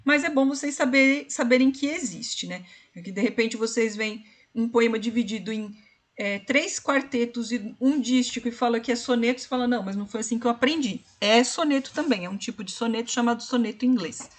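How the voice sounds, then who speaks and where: A woman teacher, her voice sitting a little high for a woman. She talks through a screen-shared lesson in a patient, explanatory way. She often stops to ask "né?" and slows right down to count syllables aloud. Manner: explanatory, repeats "né?" and "ó"; slows down to count syllables and spell out rhyme schemes. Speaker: literature teacher. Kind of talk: online tutoring session.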